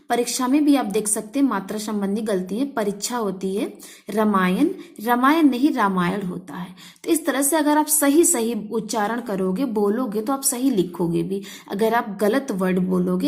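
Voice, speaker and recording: A fairly high-voiced woman teaching a grammar lesson to young children. She talks patiently and restates every point in plainer words, like a classroom teacher working through a textbook. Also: a little mellow. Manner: patient, repeats each point in simpler words.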